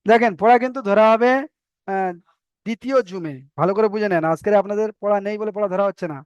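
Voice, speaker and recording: Man, Indian Bengali accent, online Quran reading teacher, high smooth voice, patient and repetitive, dry slightly dull recording. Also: dry recording. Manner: patient, repeats letters slowly with drawn-out vowels. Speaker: Arabic alphabet teacher.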